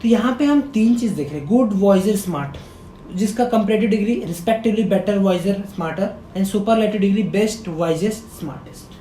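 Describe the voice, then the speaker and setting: Male teacher, grammar lesson, quizzing style, mellow tone, faint rumble behind. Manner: quizzes viewers, repeating key words as questions; spells and sounds out words slowly. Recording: echoey room with faint rumble.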